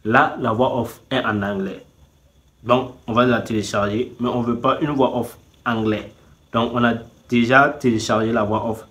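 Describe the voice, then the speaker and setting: A man's voice: mid-range voice, fairly even intonation, normal speed, a bit bright. A man hosting a casual tutorial, thinking aloud as he clicks through a website, repeating the same filler phrase and talking straight to his viewers. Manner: repeats "tout simplement" constantly; talks straight to viewers, teasing them to subscribe. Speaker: YouTube tutorial host. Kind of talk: casual screen-recording tutorial.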